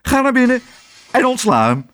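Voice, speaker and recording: A man reading a storybook aloud and voicing a bossy woman who owns a hotel, scornful and shrill. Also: huge pitch swings, normal speed, breathy edge, heavily acted. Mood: agitated.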